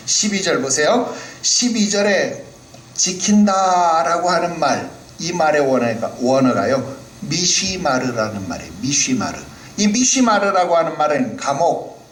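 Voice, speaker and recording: A man pastor delivering a Sunday sermon in a playful, animated way, often asking the congregation questions. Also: a little high, echoey room, slight background noise, low-quality recording. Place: church hall.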